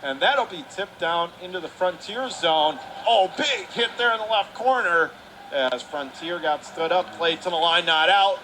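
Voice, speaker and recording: Working play-by-play on radio from an indoor hockey arena, this man has a high, bright, forceful voice and keeps a measured pace while calling the action in urgent, clipped bursts. The live recording carries plenty of rink noise.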